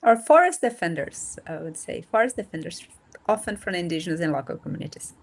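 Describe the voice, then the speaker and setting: A Brazilian woman in her thirties from the north and northeast, a native Portuguese speaker, joins a remote video call as a guest and nonprofit founder. Her lowish voice has lively intonation, and she chats casually and thoughtfully, often pausing and using fillers as she searches for words in this interview.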